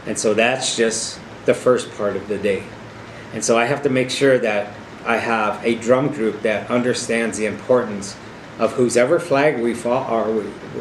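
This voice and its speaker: Older man, lowish voice, earnest explanatory talk, powwow arena director, echoey room, steady background noise. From South Dakota, United States. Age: middle-aged or older. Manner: earnest, explanatory, with repeated emphatic phrases. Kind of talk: informal educational talk.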